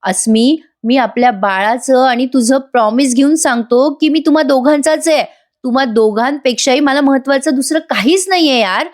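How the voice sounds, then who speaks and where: A defensive young husband who answers suspicion with indignation and a raised voice, read out by a woman. The voice sits rather high and stays close to her own. He sounds like a man from a retold TV serial, quick to shout and keen to seem wronged. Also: natural voice.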